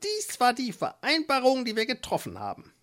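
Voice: mid-range voice, huge pitch swings, moderate pace, fairly bright tone, voice pushed up. A narrator voicing a scheming old witch in a storybook, speaking with false friendliness. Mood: falsely sweet. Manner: sugary, hard underneath. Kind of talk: storybook reading.

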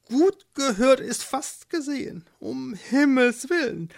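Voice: high-pitched, expressive, slow pace, creaky, no room sound, studio quality, pitched above the performer's own voice, heavily acted. A storyteller voicing an impatient, pushy male mole who talks in an urgent, bossy way, for a children's storybook.

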